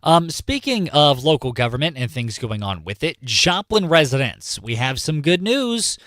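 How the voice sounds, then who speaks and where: A man's voice: fairly high pitch, very animated, moderate pace, fairly bright tone, dry recording, studio quality. A man from California who hosts a morning radio news show, chatting casually and joking as he explains local news, often repeating points. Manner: chatty and jokey, explains things by repeating himself. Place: radio studio. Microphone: studio microphone.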